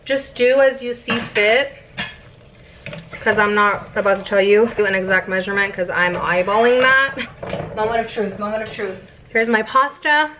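Laid-back and giggly, a vlogger in her twenties talks her way through cooking in her home kitchen, with the camera placed in the microwave. She speaks at normal speed in a mid-range, sharp voice, and the rough recording carries a little hiss or hum.

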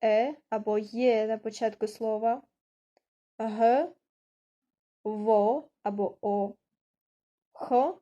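A woman's voice: fairly high pitch, fairly even intonation, extremely slow, pauses often, warm tone, highs cut off. A woman teaching an online language lesson, patiently spelling out words letter by letter.

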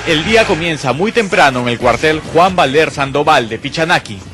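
Animated Peruvian male news narrator. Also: a little high, normal speed. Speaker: TV reporter narrator. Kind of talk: scripted dramatic news narration. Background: music.

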